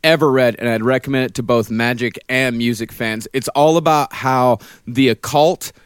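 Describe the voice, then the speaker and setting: A man co-hosting a comedy podcast, presenting his research and citing sources in a measured way. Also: medium pitch, smooth, no echo, studio quality. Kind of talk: casual chat, presenting research.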